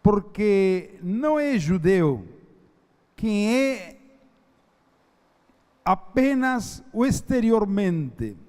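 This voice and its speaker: A man preaches in a high, animated voice. He reads scripture slowly and stresses each phrase. The reverberant church hall rings around him. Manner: emphatic, slow, drawn-out preaching cadence. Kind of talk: sermon with Bible reading.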